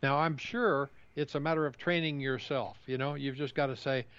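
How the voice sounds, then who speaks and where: Halting man on a muffled, dry line. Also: medium pitch, steady tone, a bit bright, smooth, dry recording. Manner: halting, restarts often with many uh fillers. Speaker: tech podcast co-host. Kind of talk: casual chat. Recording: dull, slightly muffled dry sound.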